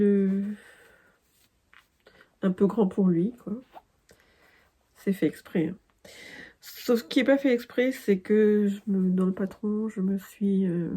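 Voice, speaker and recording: A woman's voice: mid-range voice, warm tone. A woman from France talking casually in a crafting vlog, hesitant with many fillers and restarts. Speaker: crafting vlogger. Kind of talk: casual chat.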